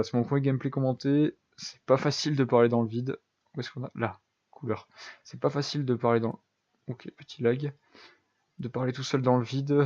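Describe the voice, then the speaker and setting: A man's voice: mid-range voice, a little mellow, lo-fi sound. A young man giving casual, self-deprecating commentary over a building game, thinking aloud with lots of fillers. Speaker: gaming YouTuber.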